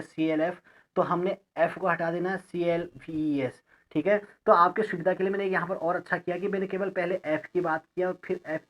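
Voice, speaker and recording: A man teaching an English grammar lesson, explaining each word slowly, spelling it out letter by letter and checking in with his students. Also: fairly high pitch. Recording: lo-fi recording.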